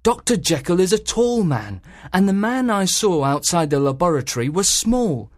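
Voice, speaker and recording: A man voices an anxious manservant, pitched well above the narration and pressing every line with urgency. The delivery stays strained and insistent. The recording is close and dry. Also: very animated, moderate pace, no room sound. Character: anxious loyal male servant, insistent. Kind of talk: audiobook character voice.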